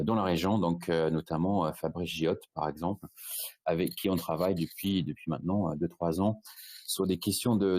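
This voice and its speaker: A man's voice: low-pitched, mellow. A man from Britain with a British English accent, presenting a webinar over a video call in French, hesitant with many restarts. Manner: halting, many restarts and fillers. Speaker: guest speaker, e-commerce agency head.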